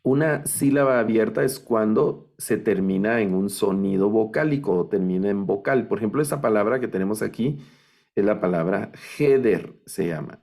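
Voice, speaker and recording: A man teaching an online class, patiently repeating each word slowly for his students. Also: lowish voice, creaky, a little mellow. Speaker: Biblical Hebrew teacher.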